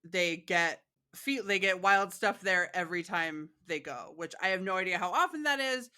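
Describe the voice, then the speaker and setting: A bright-toned woman from Michigan hosts a podcast, chatting casually with a co-host. She talks freely, laughs often and fills pauses with "um" and "like". Her voice has a clear, forward edge. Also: fairly low pitch. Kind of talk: casual chat.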